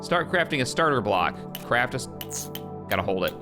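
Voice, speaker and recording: A man commentating his own gameplay for a live stream, his pitch bouncing around a lot as he reacts. He reads tutorial prompts out loud and chats with viewers, with game music playing clearly behind him. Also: very animated, normal speed.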